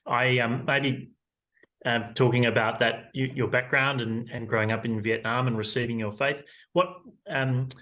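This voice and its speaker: A man hosting an interview, asking gentle, probing questions with some restarts. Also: medium pitch, steady tone, normal speed. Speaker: interview host. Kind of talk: conversational interview.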